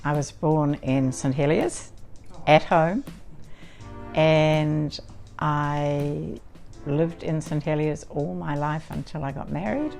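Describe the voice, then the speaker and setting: Brief: woman in her eighties, New Zealand accent, low creaky voice, wry and chatty interviewee. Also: fairly even intonation, takes it slowly, darkish tone, faint music behind. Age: 80s. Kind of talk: documentary interview.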